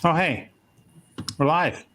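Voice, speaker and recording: A man's voice: fairly high pitch, takes it slowly, a bit bright, slight background noise. A man in casual livestream podcast chat, laid-back and swearing freely, heard through an overloud mic that clips and distorts. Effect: clipping, distorted overloud mic. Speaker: podcast guest and sponsor. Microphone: own mic set too loud.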